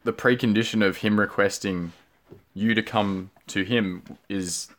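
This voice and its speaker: A man's voice: fairly low pitch, fairly even intonation, measured pace, crowd noise. A young man co-hosting a podcast in casual banter, recorded inside a closet. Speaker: podcast co-host.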